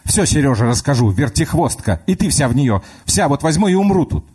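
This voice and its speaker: A man's voice: medium pitch, very animated, fast talker, warm tone, slightly rough, pitched above the performer's own voice. A man doing a wailing, fussy old granny. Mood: scolding. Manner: whiny, scolding, melodramatic.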